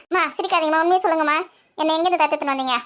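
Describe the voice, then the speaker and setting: A woman's voice: high-pitched, close to an everyday voice. A woman voicing a sulky, playful college-age daughter who whines and pleads in a comic family skit. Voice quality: whiny and pleading.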